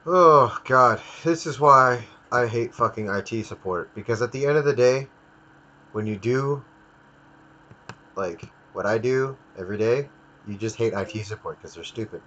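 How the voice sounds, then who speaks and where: Man, stream host, bright voice, profane rant, dull lo-fi audio. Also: medium pitch, normal speed, slight background noise. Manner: profane ranting. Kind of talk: casual livestream chat.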